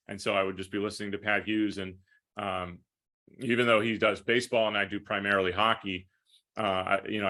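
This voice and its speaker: A hockey play-by-play broadcaster from upstate New York in the United States answers interview questions conversationally, at length and in thoughtful detail. His voice is lowish with a sharp tone.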